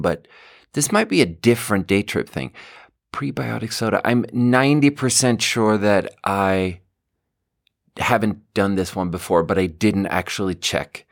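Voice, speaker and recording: A man with a fairly low voice hosts a casual solo podcast, rambling, correcting himself, and chuckling now and then. He's close to the mic in a small home studio, with no room sound.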